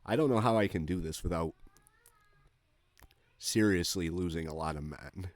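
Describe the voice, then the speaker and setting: A man giving casual, low-key commentary on his own gameplay, thinking aloud as he goes. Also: normal speed, no echo.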